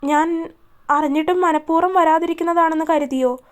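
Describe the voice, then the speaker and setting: Woman narrator doing a heartbroken young woman, soft and faltering, high voice. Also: steady tone, normal speed. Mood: tearful. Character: young woman, proud but heartbroken and tearful.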